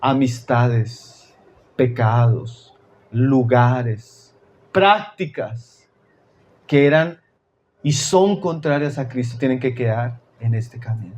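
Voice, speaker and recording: A man from Chile preaching a sermon, addressing his listeners as brothers and dropping to low, intense tones for emphasis. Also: lively intonation, slow pace, pauses often, darkish tone.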